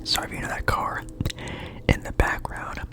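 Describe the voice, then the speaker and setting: A young man from Portland whispering a relaxed, rambling ASMR chat in his apartment. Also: normal speed. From Portland, Oregon, USA. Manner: soft rambling whisper, friendly and chatty. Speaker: ASMR creator.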